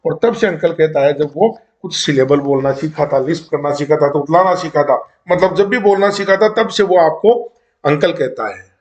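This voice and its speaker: A man gives a college literature lecture. He reads English passages aloud slowly, then explains them in casual Hindi. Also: on the high side.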